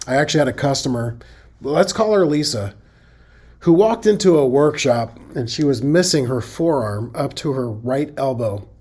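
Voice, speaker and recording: A man's voice: medium pitch, expressive, normal speed, a little mellow, breathy edge. A middle-aged man with a Midwestern accent, hosting a safety podcast in a folksy, conversational monologue that now and then corrects itself.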